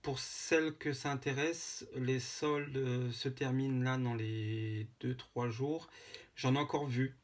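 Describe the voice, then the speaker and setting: A man casually showing a handmade photo album, talking to viewers with many pauses and fillers. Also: mid-range voice, steady tone. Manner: hesitant, many fillers, chatty asides to viewers. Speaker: scrapbooking vlogger. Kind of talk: casual show-and-tell.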